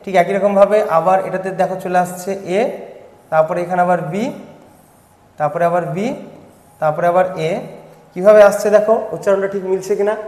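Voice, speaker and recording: High-voiced Bengali man teaching in an echoey room. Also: darkish tone. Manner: patient, explains step by step to students. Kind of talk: line-by-line poem explanation lesson.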